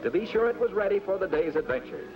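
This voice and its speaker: A man's voice: high voice, big pitch swings, fast. A man playing an earnest, dramatic storyteller, narrating a children's adventure in vintage 1950s cartoon style. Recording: dull vintage cartoon soundtrack with music.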